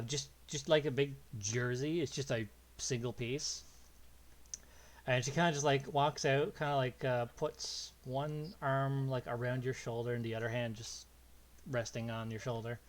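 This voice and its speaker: A man running a tabletop game, narrating in a mid-range voice. He rambles along with plenty of fillers and little laughs. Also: medium pitch. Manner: rambling, lots of fillers and giggles. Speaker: game master.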